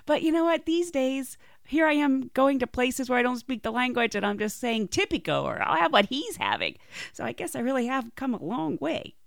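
A woman's voice: high-pitched, brisk, gravelly, no echo. A woman casually telling personal stories as a podcast host. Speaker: podcast host and flight attendant.

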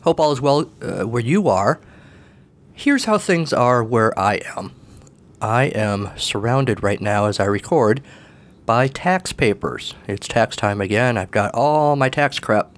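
A man with a cold, husky in voice, hosting a solo podcast from his table at home in a rambling, wry way. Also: mid-range voice, animated, a little slow. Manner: rambling, wry, self-deprecating. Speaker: podcast host. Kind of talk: casual solo podcast monologue.

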